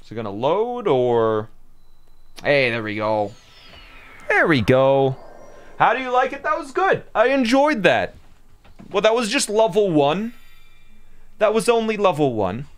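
A young man is streaming a game and chatting casually, joking and rambling while sounding tired and groggy. His voice is high-pitched and very animated, a little slow, with long pauses. He's chatty and playful, often trailing off and starting over as he talks over the gameplay.

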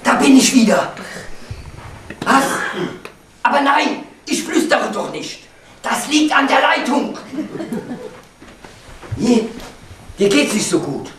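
A man's voice: big pitch swings, slow, long pauses, a bit bright, far from the mic, slight background noise, full character voice. A stage actor playing a henpecked husband who whines to his wife and brags on the phone, in a live stage comedy. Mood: boastful. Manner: wheedling to his wife, swaggering on the phone, sudden pitch leaps. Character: blustering henpecked middle-aged husband, boastful behind his wife's back. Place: theater stage. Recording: roomy theater stage miked from afar.

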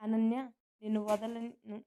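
A woman's voice: on the high side, monotone, measured pace, warm tone, lo-fi sound, natural voice. A woman narrator voicing an obsessive, hot-tempered young man who speaks aggressively and makes threats. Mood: angry.

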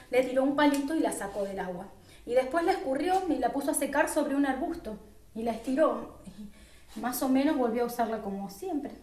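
A woman reading a children's story aloud in an expressive, unhurried way. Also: sits high. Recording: roomy echo.

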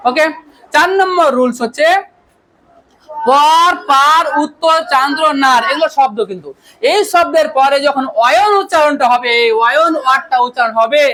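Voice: high-pitched, animated, moderate pace, a bit bright. A teacher giving a grammar lesson, often asking questions and answering them, with the odd "very good".

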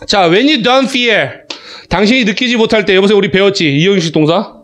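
A man teaching a class of students, talking in a casual, animated way, calling on students by name and checking they follow. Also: sits high, moderate pace. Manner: animated, calls students by name, asks "그지?" often. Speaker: academy English teacher. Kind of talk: classroom lecture.

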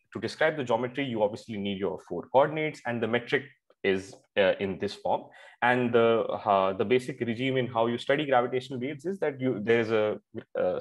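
A man's voice: medium pitch, low-quality recording. Young man presenting research online. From India. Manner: explanatory, frequent "uh" and "so" fillers. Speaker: PhD student presenting a paper. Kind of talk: conference talk over video call. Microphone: headphones on a video call.

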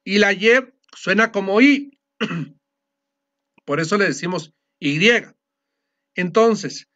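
A man with a notably high voice lectures to a class, laying out each rule step by step and checking that his students follow. The recording is dull and lo-fi. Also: a bit bright. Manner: explanatory, often checks understanding with a quick question. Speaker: teacher.

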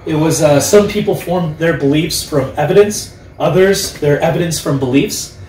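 A young man in his twenties chatting casually as host, earnest and halting in the way he talks. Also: on the high side, darkish tone. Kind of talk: casual group chat. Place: living room, on a couch. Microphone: distant camera microphone. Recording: roomy, distant camera mic, background noise.

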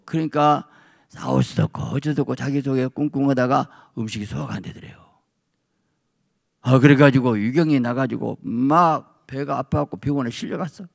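A man pastor giving a sermon in a church, telling a story with animated voices. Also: mid-range voice, vocal fry. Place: church sanctuary.

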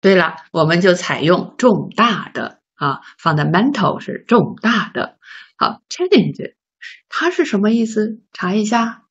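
A woman teaching a beginner English lesson, patiently asking learners questions and sounding out words slowly. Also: mid-range voice, very animated, husky. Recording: slightly dull lo-fi recording.

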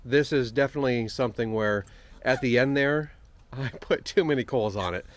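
A man co-hosting a casual farm cooking vlog outdoors, relaxed and talkative. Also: medium pitch, moderate pace, slight background noise. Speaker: farm vlogger co-host. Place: outdoors by a fire pit on a farm.

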